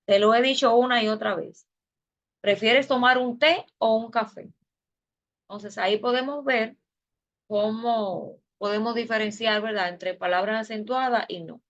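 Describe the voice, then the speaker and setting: A woman's voice: fairly high pitch, steady tone, a little slow, a bit bright, muffled recording. A woman teacher giving an online class lecture, explaining step by step with fillers and self-corrections. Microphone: video call.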